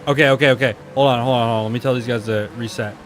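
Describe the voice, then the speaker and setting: A man hosting a sim racing drift competition livestream, chatting casually and switching into excited play-by-play commentary, with faint music behind him. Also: mid-range voice, rapid-fire. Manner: chatty, laid-back, bursts into hype play-by-play.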